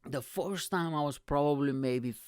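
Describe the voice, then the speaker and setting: A man in his thirties from Bulgaria talks straight to camera, rambling and swearing freely with bursts of laughter. His voice sits a little high. The sound is close and dry, with no room echo. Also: normal speed, smooth. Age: 30s. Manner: profane, rambling, animated, laughs often. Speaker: show host. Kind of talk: casual monologue to camera.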